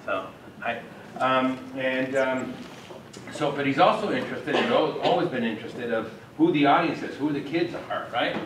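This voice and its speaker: A man, a professor leading a class discussion in casual, halting speech with many fillers. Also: mid-range voice. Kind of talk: classroom facilitation. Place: university classroom with students. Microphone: far camera. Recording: echoey classroom, distant camera mic, background noise.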